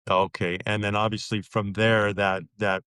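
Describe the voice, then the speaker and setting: A man's voice: lowish voice, level tone, normal speed, bright, forceful tone, clear, resonant tone. A man hosting a casual interview podcast, asking questions in an easygoing way with short acknowledgments. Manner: easygoing, brief acknowledgments like "okay" and "right on". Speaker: podcast host.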